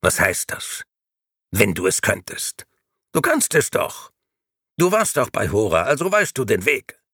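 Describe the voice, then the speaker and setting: A man's voice: wildly swooping pitch, slow pace, creaky, no room sound, studio quality, exaggerated voice. A man voicing a cold, disembodied menacing voice that coaxes and threatens by turns. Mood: threatening. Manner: coaxing, then shrill and commanding.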